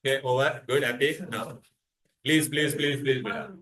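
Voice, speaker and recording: A man's voice: mid-range voice, fairly even intonation, moderate pace, fairly bright tone. A man with an Indian accent teaching an interactive chemistry revision class, mixing Hindi into English and prodding students with repeated questions.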